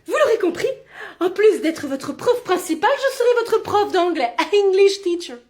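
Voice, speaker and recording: High-voiced woman stammering in a sketch. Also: sing-song, normal speed, a little mellow. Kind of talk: comedy sketch acting.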